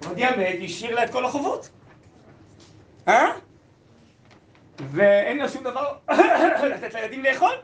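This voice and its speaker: A man's voice: sits high, fairly bright tone, reverberant, slight background noise. A man teaching a text-study lesson, reading old sources, translating them aloud and putting questions to the class.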